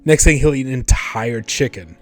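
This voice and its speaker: A man's voice: medium pitch, moderate pace. A man giving casual let's play commentary in a sarcastic, joking, sweary way. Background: game music.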